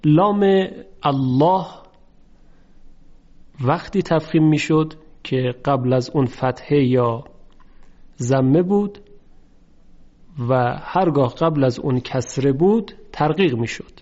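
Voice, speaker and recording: A man teaching a lesson on Quran recitation, slowly drawing out example words to demonstrate pronunciation. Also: mid-range voice, darkish tone. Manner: slow, drawn-out demonstration of words. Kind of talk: lesson on tajweed. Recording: dull lo-fi recording.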